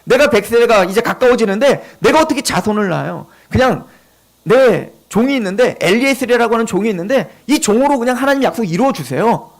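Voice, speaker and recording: A man's voice: very high-pitched, animated, fairly quick. A man voicing Abraham as a doubting, pleading old man in a sermon retelling. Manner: pleading, bargaining.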